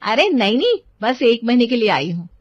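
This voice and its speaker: A bossy, sassy young daughter, played by a woman for a storybook tale. Her voice sits fairly high. The recording is dry and a little dull. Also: sing-song, moderate pace, no room sound. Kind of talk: storybook voice acting.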